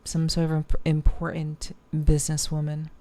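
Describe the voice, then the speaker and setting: A playful, teasing woman streamer chatting casually while gaming, soft-spoken and often dropping toward a whisper. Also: sits low, monotone, normal speed. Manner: playful, teasing gamer girl. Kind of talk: casual live-stream chat.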